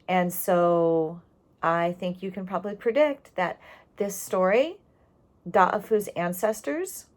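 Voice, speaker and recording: A fairly low-pitched woman brings a storybook to life for young listeners, pausing on key words to explain them and adding little asides.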